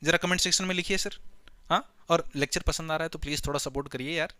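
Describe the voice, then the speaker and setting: A man's voice: fairly high pitch, fairly even intonation, fast, bright, forceful tone, smooth, no room sound. A man teaching a biology lecture in a playful way. He keeps asking questions and then answers them himself, and he calls his listeners his children. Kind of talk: classroom lecture.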